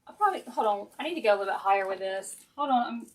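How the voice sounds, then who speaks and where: A woman's voice: medium pitch, expressive, very fast. Chatty Southern woman crafting on a livestream. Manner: chatty, folksy, addressing viewers directly. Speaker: craft maker hosting a live stream. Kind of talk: casual crafting livestream chat, thinking aloud while working. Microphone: sensitive live-stream camera mic.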